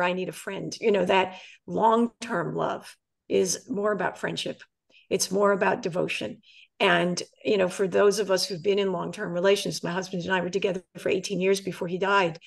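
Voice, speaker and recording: A mature woman talks earnestly on a podcast panel, her voice sitting in an ordinary middle pitch. She is reflective and measured, and she dwells on what lasting commitment means. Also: gravelly. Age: older. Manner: earnest, reflective, quotes lyrics with feeling. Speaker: guest.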